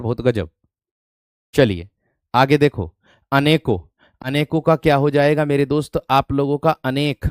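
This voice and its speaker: Guy teaching a spelling class online, keeps repeating words and asking questions, smooth clear voice, dry close sound. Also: mid-range voice, dry recording. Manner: repeats words, asks rhetorical questions, calls listeners "my friend".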